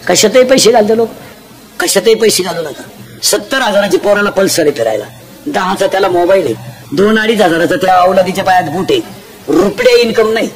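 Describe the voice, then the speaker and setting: A man preaching a humorous devotional sermon, punchy and jokey, quizzing the crowd with sharp calls. He speaks into a stage mic at an outdoor gathering. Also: high voice, lively intonation, a little fast. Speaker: kirtan preacher. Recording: loud crowd and heavy background noise.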